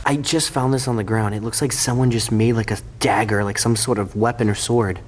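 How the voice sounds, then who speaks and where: A man's voice: lowish voice, fairly even intonation, brisk. A young man chatting casually as an urban exploring vlogger, informal and exclamatory, recorded inside an abandoned tunnel. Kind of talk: casual exploring vlog chat. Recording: noisy on-location recording with ambience.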